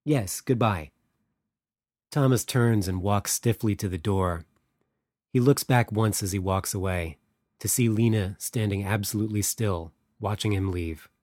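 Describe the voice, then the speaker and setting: Low, mellow male audiobook narrator. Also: no room sound, clean studio sound. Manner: even, measured storytelling. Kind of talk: scripted narration.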